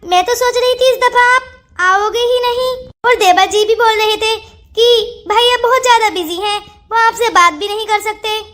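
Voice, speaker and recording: A performer voicing a warm, sensible young daughter-in-law who speaks sweetly and persuasively. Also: extremely high pitch, normal speed. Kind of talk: cartoon voice acting.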